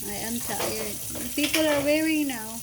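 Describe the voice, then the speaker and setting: A woman chatting casually in a home kitchen as vlog host, asking many questions in halting English. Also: on the high side. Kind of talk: casual cooking chat. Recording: noisy kitchen with sizzling.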